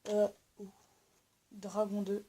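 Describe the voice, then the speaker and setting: A woman's voice: medium pitch, monotone, takes it slowly, noisy background. A young woman filming a casual home-tour vlog, rambling with many fillers and restarts while she is sick. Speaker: YouTuber. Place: at home indoors.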